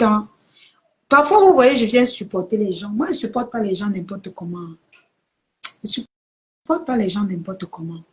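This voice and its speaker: A woman, delivering a confrontational vlog rant to her followers and repeating her points for effect. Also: mid-range voice. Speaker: social media personality. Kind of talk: live video rant to followers.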